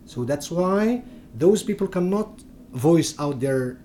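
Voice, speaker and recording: Slow and mellow, with lively intonation and a voice on the high side, a young Moroccan man speaks English in a conversational interview. His first language is Berber (Tamazight), and he's hesitant, with many fillers and restarts.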